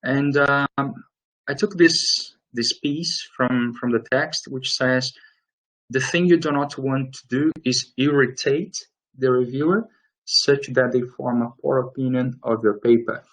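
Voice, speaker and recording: A Brazilian man in his late thirties, with a Brazilian Portuguese accent, presents instructional slides in a semi-scripted webinar, explaining things with hesitant phrasing. His medium-pitched voice is steady, measured, and a bit bright, though the recording quality is low.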